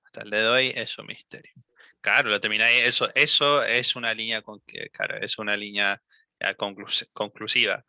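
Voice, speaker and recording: A man leads a speaking lesson as an English teacher, patiently explaining and slowly modelling each phrase. His low-set voice is bright and forceful. The sound is close and dry. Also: fairly even intonation, no echo.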